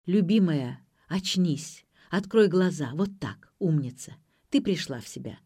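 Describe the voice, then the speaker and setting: A woman doing a smooth, coaxing young man. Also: on the high side, expressive, moderate pace, warm tone. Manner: tender, persuasive, coaxing.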